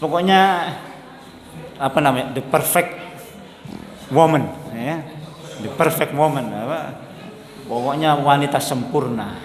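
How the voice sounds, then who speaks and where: A man preaching at an evening mosque study session, talking casually and repeating key lines back to his listeners. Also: medium pitch. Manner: conversational, repeats key phrases, asks the audience questions. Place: mosque hall. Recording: echoey hall with faint hum.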